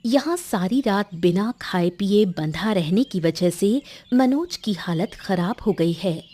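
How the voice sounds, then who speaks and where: A woman narrating a cartoon story in a steady scripted storytelling manner. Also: mid-range voice, slow.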